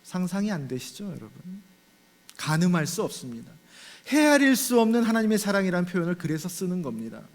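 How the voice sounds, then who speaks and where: A man's voice: high-pitched, big pitch swings, a little fast. Man preaching in a reverberant church. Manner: conversational preaching, often addressing the congregation with rhetorical questions. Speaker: senior pastor. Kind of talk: sermon. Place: church sanctuary.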